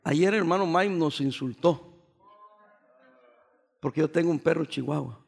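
A man's voice: on the high side, moderate pace, vocal fry, a little hiss or hum. A male pastor delivering a sermon, telling stories with energy and dropping in English phrases. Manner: animated storytelling preacher, mixing in English phrases.

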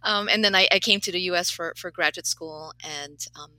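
A woman's voice: lowish voice, brisk, sharp tone, no room sound, rough recording. A woman professor from Malaysia and Canada talking as an interview guest, thoughtful and hesitant with many fillers. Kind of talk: casual interview conversation.

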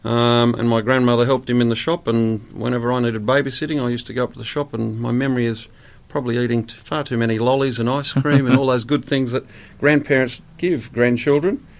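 An Australian man in his sixties, a guest chatting in a relaxed interview, rambling with many fillers. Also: mid-range voice, fairly quick, creaky. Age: 60s.

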